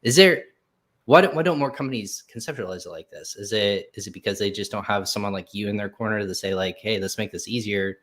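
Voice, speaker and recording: A man's voice: lowish voice, fast. A man hosting a podcast interview, chatting casually and acting out quoted lines. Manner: animated, acts out quoted dialogue. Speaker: podcast host.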